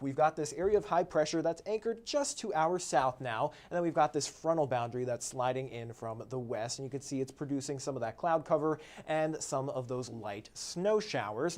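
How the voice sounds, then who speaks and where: A man presents a live weather update as a meteorologist, talking in an easygoing, conversational tone. His voice sits at an ordinary middle pitch, and "uh" fillers often break up his sentences. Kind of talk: live-streamed weather forecast.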